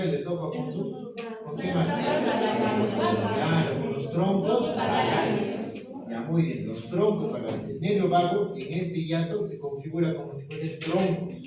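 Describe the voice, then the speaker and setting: Echoey male lecturer quizzing students. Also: fairly high pitch. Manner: asks quick questions and confirms answers with "correcto, muy bien". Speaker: anatomy lecturer. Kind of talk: classroom anatomy lecture with student questions. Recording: very echoey room, distant mic, students audible. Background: students murmuring answers.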